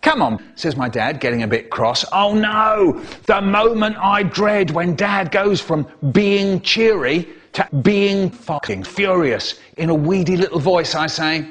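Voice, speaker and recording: A man reading comic stories aloud in a very expressive way, making sound-effect noises and doing voices. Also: high voice, unhurried, few pauses. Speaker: storyteller. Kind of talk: animated comic story reading.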